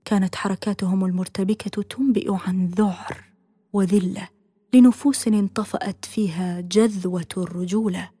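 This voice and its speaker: A woman narrating a dramatic audiobook story in a solemn, often hushed voice. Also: medium pitch, husky, no echo, studio quality.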